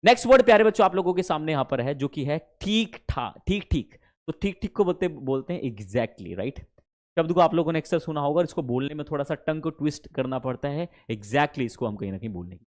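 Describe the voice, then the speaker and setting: A chatty male English teacher with a higher-pitched, animated, slightly mellow voice runs an online spoken-English class, drilling pronunciation with drawn-out lines. He fondly calls his students kids, mixes Hindi with English, and slows down to stretch out English phrases.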